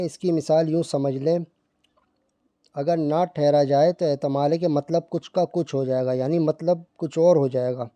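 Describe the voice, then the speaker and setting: Man with a pakistani urdu accent walking you thru quran reading, patient, very mellow dark voice. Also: fairly high pitch, dry recording. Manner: explains patiently, points at the page, recites verses slowly. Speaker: Quran teacher.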